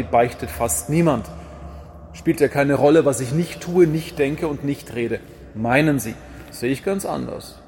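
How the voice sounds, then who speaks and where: A man delivering a sermon in a fairly high, animated voice. He drives his points home with repeated refrains and dry, wry asides, over a faint background hum. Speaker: preacher.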